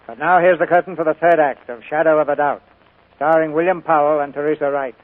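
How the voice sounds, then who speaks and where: A middle-aged man hosts a radio show, interviewing a guest in a polished, genial, teasing manner during a scripted on-air exchange. His voice sits on the high side, with fairly even intonation and a fast delivery. The audio has the tinny quality of a 1940s radio broadcast.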